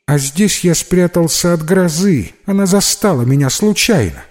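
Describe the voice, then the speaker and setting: A man's voice: animated, moderate pace, a little mellow. Man voicing Fabi, a shy stuttering little ghost. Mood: earnest. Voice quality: thin, high, stammering. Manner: timid, polite, easily upset. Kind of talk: audiobook character voice.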